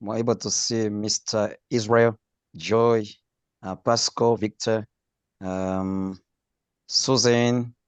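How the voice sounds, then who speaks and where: A man's voice: lowish voice, steady tone, slow, clean tone, dry recording. A man co-hosting an online meeting, politely calling on attendees one by one with brief prompts. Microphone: video call. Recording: dull dry online call audio.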